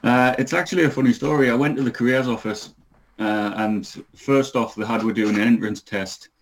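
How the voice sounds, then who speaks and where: This thirtysomething man from Newcastle, England, is a podcast guest in a casual interview. His medium-pitched voice moves fairly quickly, easygoing but hesitant, full of ums and uhs, and the audio is poor.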